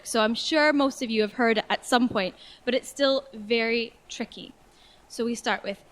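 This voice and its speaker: A cheerful woman teaches a vocal warm-up, coaxing her class along with encouragement. Her voice sits a touch high, and she slows right down to spell out each phrase clearly. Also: poor audio. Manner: encouraging, cheerful, speaks slowly and clearly when demonstrating. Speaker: singing tutor. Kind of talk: guided vocal warm-up lesson.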